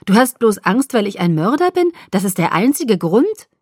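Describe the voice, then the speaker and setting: Brief: woman narrator doing a hulking young werewolf guy, low and muted, dry booth sound. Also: sing-song, normal speed, a little mellow, slightly rough, no echo, full character voice. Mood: delighted. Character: young male werewolf, huge, gruff then boyish. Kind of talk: audiobook character voice.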